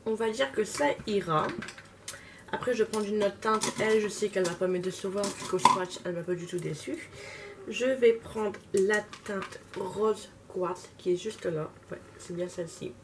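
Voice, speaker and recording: A woman talks casually to her viewers while doing her own makeup, pausing, muttering and laughing at her own slips. The mic sits a little away from her, and a clear hum of room noise runs under her mid-pitched voice. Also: recorded from a distance. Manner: chatty, self-mocking, talks while working. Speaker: beauty vlogger. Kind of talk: casual makeup tutorial chat. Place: home, at a makeup table.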